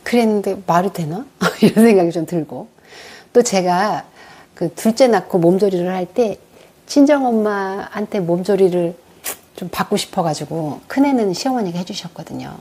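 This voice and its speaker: A middle-aged woman telling her own story in an earnest, candid way, calmly retelling talks with her mother. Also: medium pitch, moderate pace, slightly rough. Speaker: vlogger. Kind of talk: reflective personal talk.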